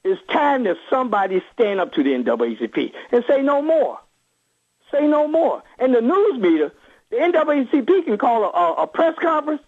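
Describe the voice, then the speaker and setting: Over a phone line, a man who is an activist reverend speaks as a radio call-in guest, impassioned and emphatic in political interview talk, repeating phrases for force. His voice is very high-pitched with big pitch swings, a little fast and slightly rough.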